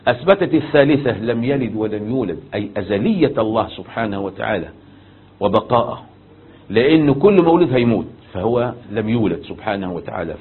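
A man's voice: mid-range voice, husky. A male Egyptian preacher teaching on Quran chapters, emphatic, rising sharply on key words and answering his own questions. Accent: Egyptian Arabic. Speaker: Islamic preacher. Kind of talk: religious lesson on Quran chapters. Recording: tinny lo-fi recording with faint noise.

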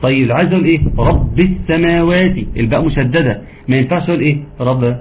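Egyptian man teaching Quran recitation over a call. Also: medium pitch. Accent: Egyptian Arabic. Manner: explains rules patiently, then recites verses slowly in a melodic chant. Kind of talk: online tajweed lesson. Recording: tinny phone-line audio with faint background noise.

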